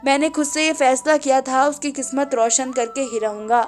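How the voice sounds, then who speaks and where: A woman narrating a sad story in a soft, emotional storytelling manner. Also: high voice, steady tone, moderate pace, faint music behind.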